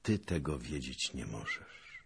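A man doing a gentle, weary prince. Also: sits low, big pitch swings, takes it slowly, noisy background, exaggerated voice. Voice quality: husky. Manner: soft, gentle, subdued. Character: gentle, careworn aging prince and commander.

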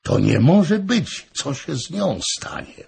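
A man's voice: on the high side, big pitch swings, slow, gravelly, a little mellow, breathy edge, pitched above the performer's own voice, heavily acted. A man reading a distraught, disbelieving captain. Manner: disbelieving, repeating himself mechanically.

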